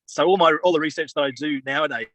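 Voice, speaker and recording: A man on a panel, speaking from a remote outdoor field site over a choppy, breaking-up internet call. He pauses and restarts as the sound drops out. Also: on the high side, fairly bright tone. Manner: pauses and restarts through the dropouts. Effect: choppy, breaking-up internet call audio. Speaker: conservation researcher on a panel. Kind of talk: answering on an online panel.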